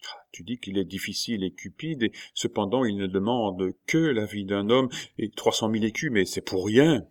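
A man's voice: fairly low pitch, moderate pace, natural voice. A man voicing an eager young queen. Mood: incredulous. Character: young noble queen, eager, emotional woman.

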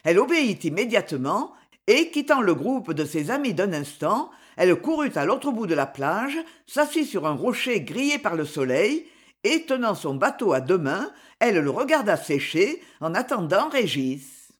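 A narrator reading a classic children's story aloud with expressive storytelling. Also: mid-range voice, moderate pace, husky.

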